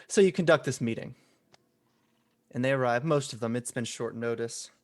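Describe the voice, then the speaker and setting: A man narrating as game master of a tabletop game, relaxed and descriptive with frequent pauses. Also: mid-range voice.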